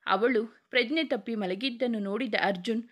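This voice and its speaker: A woman's voice: fairly high pitch, normal speed, a bit bright. A woman reading a dramatic story aloud as a storyteller, in her own voice, with light changes for the characters' lines. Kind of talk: scripted story narration.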